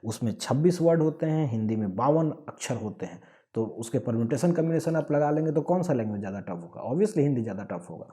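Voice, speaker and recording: A man from Bihar with a Bihari accent, explaining an online English lesson with everyday examples and lively emphasis. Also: mid-range voice, quick pace. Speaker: English teacher.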